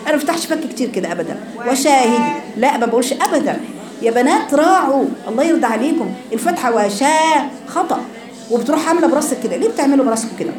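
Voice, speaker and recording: A woman with an Egyptian accent teaching Quran recitation, correcting students and repeating sounds slowly for them. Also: high-pitched, expressive, echoey room, over music. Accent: Egyptian Arabic. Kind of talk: tajweed class instruction.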